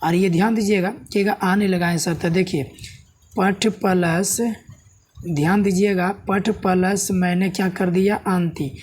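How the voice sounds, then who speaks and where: A man's voice: high voice, level tone, moderate pace, a little mellow, slight background noise. A man teaches a Sanskrit grammar lesson step by step. He keeps asking the viewer questions and checking "है ना?". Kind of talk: classroom-style video lesson.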